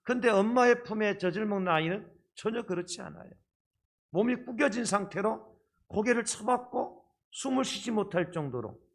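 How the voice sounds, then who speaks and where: Masked male pastor preaching in a higher voice. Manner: speaking through a face mask, slightly muffled; explanatory, with frequent rhetorical questions to listeners. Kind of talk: sermon to a congregation. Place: church service.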